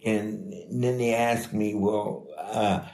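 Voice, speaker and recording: Older guy rambling through old stories, low voice, echoey room w faint noise. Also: fairly even intonation, darkish tone. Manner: rambling, halting, chuckling delivery. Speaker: interviewee telling life stories. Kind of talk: casual rambling storytelling.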